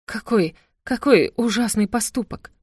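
A woman's voice: fairly high pitch, measured pace, darkish tone, breathy edge, dry recording, studio quality, pitched above the performer's own voice. A woman voicing an anxious, doting middle-aged mother who asks shaky, eager questions, in a storybook reading. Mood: trembling. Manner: trembling, gasping, eager for gossip.

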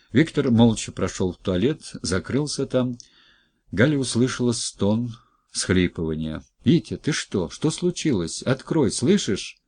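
Low-voiced male audiobook narrator. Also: dry recording. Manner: steady, measured storytelling.

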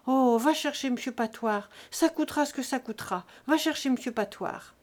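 A woman's voice: sits high, normal speed, voice pushed up, lightly acted. Woman as a pleading, tearful farm girl. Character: gentle young farm girl, pleading for her cow.

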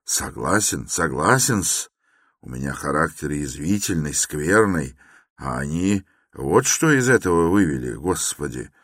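A man's voice: very deep voice, big pitch swings, unhurried, fairly bright tone, slightly rough, dry recording, clean studio sound, exaggerated voice. A man putting on a fawning, fussy old investigator. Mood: coaxing, chatty. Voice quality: obsequious, clucking, adds polite "-s" to words. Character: fussy, fawning middle-aged male police investigator.

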